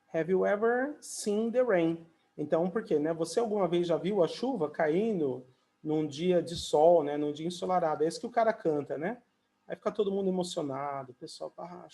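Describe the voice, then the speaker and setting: A man's voice: fairly high pitch, vocal fry, warm tone. Brazilian guy running an online english class, super chatty, keeps saying né, drags out his example sentences like a song. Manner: chatty, fills pauses with "né" and "ó"; sings and stretches English example sentences slowly. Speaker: English teacher.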